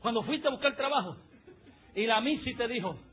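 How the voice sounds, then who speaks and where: A man preaching a sermon as pastor, fiery and mocking, swinging up into shouts. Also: very high voice, lively intonation, fairly quick, phone-quality sound, a faint crowd. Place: church service.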